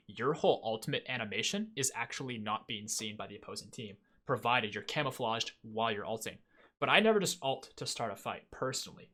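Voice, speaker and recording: A man's voice: mid-range voice, sharp tone. A young man hosting a gaming channel, chatting casually and self-critically through a post-game review with lots of fillers. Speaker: gaming video host.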